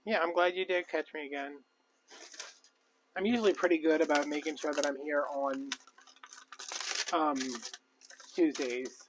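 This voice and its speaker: A man's voice: a little high, steady tone, unhurried, pauses often, background noise. A man chatting casually and rambling with lots of fillers while crafting on a live stream. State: out of breath. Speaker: crafting vlogger.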